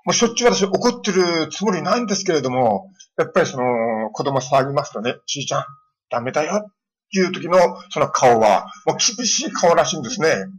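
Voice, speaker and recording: A middle-aged male pastor preaching a sermon, telling stories and acting out children's lines in a lively way. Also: on the high side, a little fast, husky, low-quality recording. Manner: storytelling with lively voiced quotes of children.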